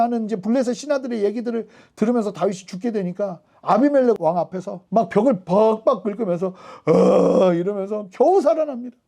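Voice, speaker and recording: A man's voice: very high-pitched, gravelly, dark tone. A middle-aged man preaching a sermon as a pastor, telling a personal story and rising to fervent emphasis.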